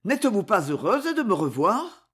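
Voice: mid-range voice, sing-song, normal speed, fairly bright tone, slightly rough. A reader of a French novel voicing a grown man who comes home and urgently questions his mother. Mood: desperate. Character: man returning home, son and husband, desperate.

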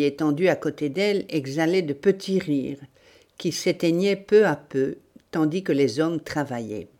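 A woman narrating a novel as an audiobook, in a measured, deliberate reading. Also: low voice, darkish tone. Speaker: audiobook reader.

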